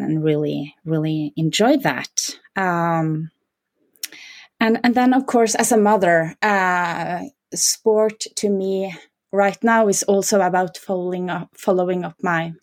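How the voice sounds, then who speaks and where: A woman in her forties from Norway with a Norwegian accent, a guest answering interview questions with many pauses, fillers and restarts. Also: fairly low pitch.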